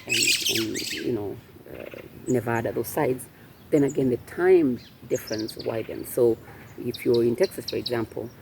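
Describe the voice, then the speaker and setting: A man's voice: medium pitch, moderate pace, vocal fry, a little hiss or hum. A man being interviewed, explaining things patiently in a casual chat and laughing often. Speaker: guest.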